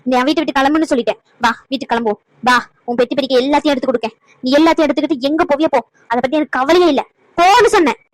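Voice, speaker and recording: A woman voicing a fast, scolding grown daughter. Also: sits high, no echo, natural voice, poor audio. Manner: scolding, rapid rhetorical questions. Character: exasperated grown daughter scolding her mother. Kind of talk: cartoon voice acting.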